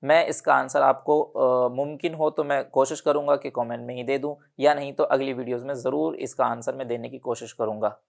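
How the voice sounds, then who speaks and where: A man explaining a casual online tutorial, unhurried, often pausing with "uh" and correcting himself as he reads from his notes. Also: mid-range voice, fairly even intonation, vocal fry. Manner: unhurried, many "uh" fillers and self-corrections while reading from notes. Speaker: online digital marketing instructor.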